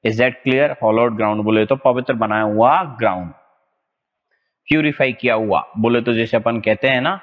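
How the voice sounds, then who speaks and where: A man's voice: mid-range voice, unhurried. Indian man, exam vocab teacher, lo-fi with long reverb, keeps checking students follow. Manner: drills words, keeps asking "is that clear?". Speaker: exam-prep English teacher. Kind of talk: online vocabulary lesson.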